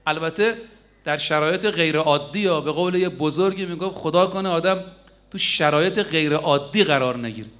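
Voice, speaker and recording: A man preaching a religious sermon to a congregation, emphatic, asking rhetorical questions and slowing down for quoted verses. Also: on the high side, fairly bright tone.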